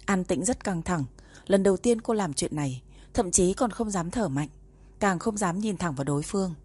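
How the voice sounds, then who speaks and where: A woman narrating a romance novel in a calm, even storytelling voice. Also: fairly low pitch, moderate pace, breathy edge. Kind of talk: audiobook narration.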